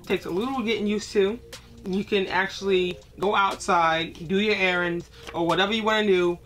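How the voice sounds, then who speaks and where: A woman's voice: mid-range voice, steady tone, normal speed, a bit bright, soft background music. Woman talking with whitening trays in. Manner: chatty, instructive, addresses viewers as guys. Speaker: product reviewer. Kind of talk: casual product demo to viewers.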